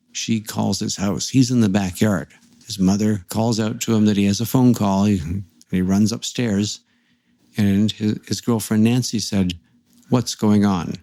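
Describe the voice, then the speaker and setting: A man's voice: on the low side, warm tone, no echo. A man hosting a podcast, casually retelling a spooky story in a conversational way. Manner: conversational, retelling a ghost story with acted-out dialogue. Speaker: podcast host.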